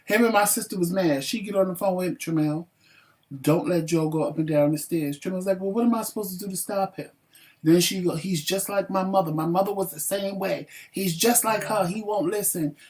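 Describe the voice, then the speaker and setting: A man co-hosts a casual talk show, telling stories with animated, profane acted-out quotes. His voice is high and moderately paced, and he sits a little back from the mic, so he sounds slightly distant.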